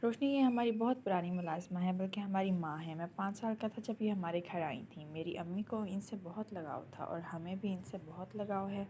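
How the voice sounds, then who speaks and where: A woman voicing a gentle, loving young husband. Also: mid-range voice, hardly any pauses, slight background noise, close to an everyday voice. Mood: affectionate. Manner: tender, reassuring.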